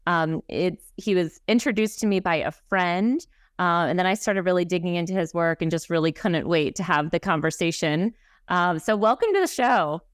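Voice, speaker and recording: A woman's voice: on the low side, lively intonation, normal speed, clear, resonant tone, no room sound, studio quality. Upbeat woman podcast host. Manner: upbeat, enthusiastic, with many fillers. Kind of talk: interview hosting.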